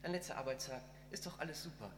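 A man's voice: a little high, fast talker, echoey room, long reverb tail, slight background noise. A man telling a personal faith testimony in a conversational storytelling manner, with frequent fillers. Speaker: congregation member giving a testimony.

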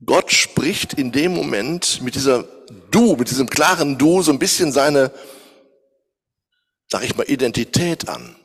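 A man's voice: medium pitch, expressive, unhurried, a bit bright, breathy edge. Man preaching in a reverberant hall. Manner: addresses listeners directly, posing searching questions. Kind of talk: sermon.

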